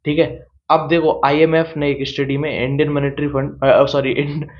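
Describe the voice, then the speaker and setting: A young male economics tutor with a slightly raised pitch who explains in Hindi and reads English bullet points out slowly. He keeps checking in with "theek hai" between points. The recording is somewhat dull and lo-fi. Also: little pitch movement. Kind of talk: exam-prep lecture. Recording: dull lo-fi sound.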